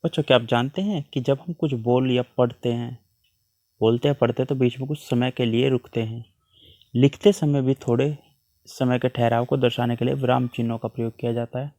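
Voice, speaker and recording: A man's voice: medium pitch, steady tone, a little fast, mellow, no room sound, studio quality. A man teaching a worksheet lesson to children, patiently explaining with repeated examples.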